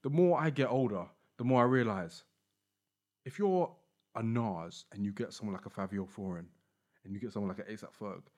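A man's voice: lowish voice, moderate pace, darkish tone. A man giving opinions on music in casual, slangy podcast chat.

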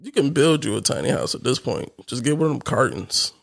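A man's voice: medium pitch, big pitch swings, a little fast, vocal fry. A man co-hosting a podcast in casual chat, laughing often and telling stories with animation. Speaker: podcast co-host.

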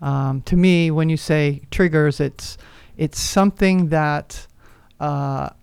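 Smooth-voiced reflective speaker, dry sound. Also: mid-range voice, no echo. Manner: reflective, thoughtful, gentle affirmations. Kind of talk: casual spiritual chat.

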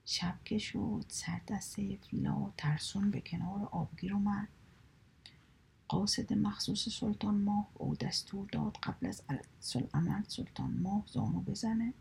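A woman storyteller reads children's tales aloud, her narration soft and often dropping to a whisper. Her voice is mid-pitched, with a gravelly, husky, breathy texture and a dark, mellow tone.

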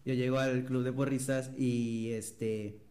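A man's voice: mid-range voice, little pitch movement, takes it slowly, dark tone. A young man from Mexico, a guest in a casual interview, telling an anecdote and mimicking other people's voices. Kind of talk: casual storytelling.

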